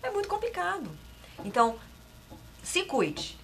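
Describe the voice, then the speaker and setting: A woman's voice: very high voice, very animated, a little slow, fairly bright tone, a little hiss or hum. A middle-aged woman with a Brazilian accent, speaking as a talk-show guest in an emphatic, encouraging way and often repeating phrases. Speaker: guest sharing a breast cancer experience. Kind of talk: casual talk-show conversation.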